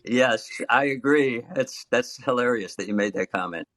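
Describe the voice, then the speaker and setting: A man's voice: medium pitch, normal speed, a bit bright, no room sound. A man chatting casually as a panelist in a group discussion. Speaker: podcast panelist. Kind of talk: casual chat.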